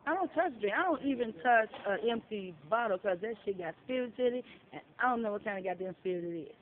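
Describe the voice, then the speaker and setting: Her voice is a little high, with lively intonation and a fast delivery. A woman staying at a shelter, she's telling a story in casual talk, cursing freely, speaking bluntly, and playing out the quoted dialogue, all recorded outdoors on a phone with thin audio and faint noise.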